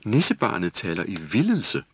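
A man's voice: deep voice, wildly swooping pitch, fairly bright tone, husky, no room sound, exaggerated voice. A man voicing a jolly old male elf ship captain, hearty and jovial, in a storybook cassette.

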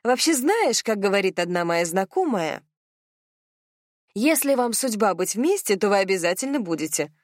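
A woman voicing a practical young woman who reassures her friend in a brisk, lively way. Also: mid-range voice, dry recording, studio quality, lightly acted. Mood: reassuring.

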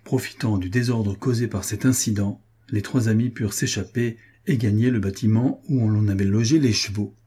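A man reading a story aloud in steady, measured scripted narration. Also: lowish voice, breathy edge.

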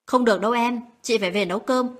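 A woman voicing a gentle, reserved married woman who speaks in a quiet, subdued way, in a late-night audio story. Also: fairly high pitch, quick pace, natural voice.

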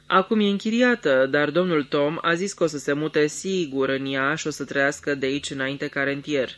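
A man's voice: on the high side, a bit bright, lightly acted. A man voicing a sly, fawning jockey servant in a radio theatre reading, servile and ingratiating.

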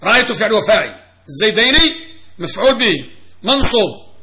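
A man's voice: high voice, big pitch swings, a little fast, bright, forceful tone, slight background noise. A middle-aged man teaching a classroom grammar lesson as a religious teacher, quizzing students and repeating key phrases.

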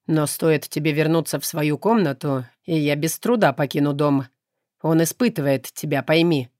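A woman's voice: low-pitched, dry recording, studio quality, close to an everyday voice. Woman voicing a cool detached demon. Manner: unhurried, detached, flat delivery. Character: calm aloof male demon, cool and self-assured. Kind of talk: audiobook character reading.

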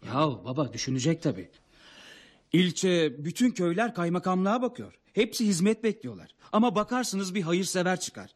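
A respectful younger villager, reassuring his father in a high voice, in radio play style. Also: very animated, normal speed.

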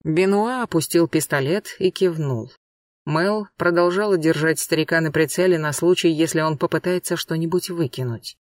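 A man reading an audiobook in a scripted, measured narration. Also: on the high side, dry recording, studio quality, distant mic.

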